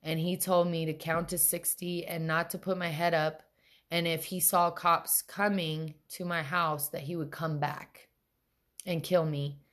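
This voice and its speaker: Her voice on the low side, a young woman co-hosting a podcast recounts a personal story casually, acting it out with lots of quoted voices and plenty of animation.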